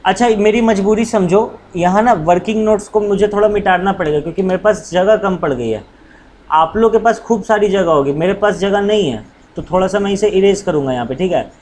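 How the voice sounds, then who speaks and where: High voiced teacher guy, jokey, teases his students, faint background hiss. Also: a little fast, darkish tone. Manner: playful, teasing, calls students "babu". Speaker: commerce teacher. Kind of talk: casual classroom lesson.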